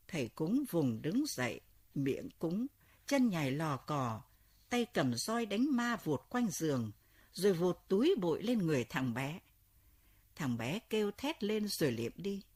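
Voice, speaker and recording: Slow husky woman telling a ghost story. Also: on the low side.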